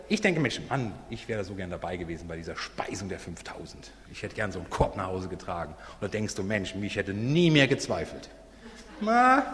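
A man's voice: medium pitch, a bit bright. A man preaching a sermon, retelling a Bible story and acting out quotes in casual voices. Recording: long hall reverb.

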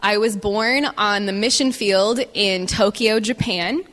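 Woman speaker, bright tone, measured testimony in phrases, big reverberant hall. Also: medium pitch, fairly even intonation. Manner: measured, pausing for translation. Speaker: guest speaker. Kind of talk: testimony talk with interpreter.

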